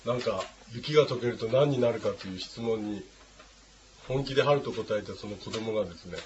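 A man teaching a language class, patient and unhurried, with many hesitating fillers. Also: on the low side, darkish tone. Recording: dull lo-fi with faint noise.

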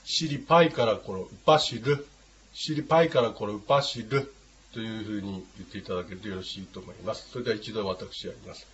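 A man teaching a language class, patient and unhurried, with many hesitating fillers. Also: fairly low pitch. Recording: dull lo-fi with faint noise.

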